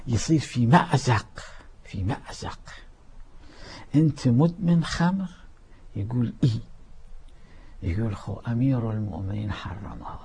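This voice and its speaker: A man preaching a sermon, swinging from loud declaiming to hushed, quick asides. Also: mid-range voice, lively intonation, breathy edge.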